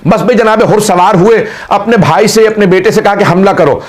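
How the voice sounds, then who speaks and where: A male cleric telling a martyrdom story in an emotional mourning sermon, his delivery climbing into drawn-out wailing cries and closing in chanted prayer. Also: high-pitched.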